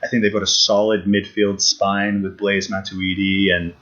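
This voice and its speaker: A man's voice: low voice, level tone, moderate pace, a bit bright. A man co-hosting a casual football podcast, talking eagerly with many restarts and repeated points. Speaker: podcast co-host. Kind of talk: casual sports chat. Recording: dull lo-fi podcast audio.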